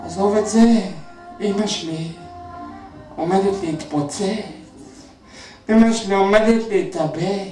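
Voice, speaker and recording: A man's voice: sits high, pauses often, a little mellow, distant mic, natural voice. An actor on stage playing an earnest young boy recounting his parents' split. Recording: echoey theater from afar, with music.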